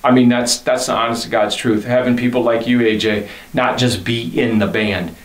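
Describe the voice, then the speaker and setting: A man in his fifties speaks in an earnest, faith-filled way, circling back and repeating phrases as he reflects on his band and his studio. His voice sits in a middle pitch. The recording carries a roomy echo from the studio around him. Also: fairly even intonation, normal speed. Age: 50s. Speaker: band leader and studio owner. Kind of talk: reflective documentary interview.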